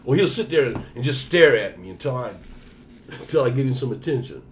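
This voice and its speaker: A man's voice: mid-range voice, animated, brisk, a little hiss or hum. A man chatting casually, emphatic and profane, often repeating himself for stress. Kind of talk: casual chat.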